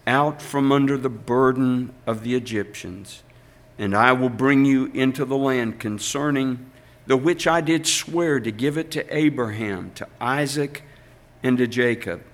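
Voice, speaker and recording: An older pastor reads scripture aloud and preaches a sermon, his medium-pitched voice slow and deliberate, with emphatic pauses.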